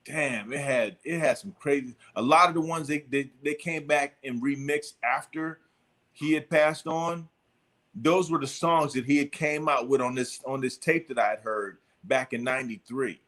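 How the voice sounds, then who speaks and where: A man's voice: mid-range voice, fairly bright tone. A middle-aged man hosting a casual chat, telling a long story with lots of fillers and restarts. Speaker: podcast host.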